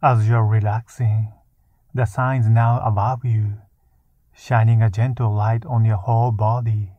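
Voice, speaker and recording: A man with a fairly low, soft and hushed voice guides a meditation. He speaks very slowly and soothingly, with long pauses between phrases. The recording is close and dry but narrow and muffled, like a phone line. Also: flat delivery, dry recording. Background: music.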